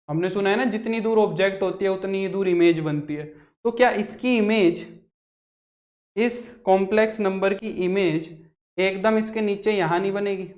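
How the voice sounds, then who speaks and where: Young male maths tutor, high voice, repetitive board lecture full of questions he answers himself. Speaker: maths teacher.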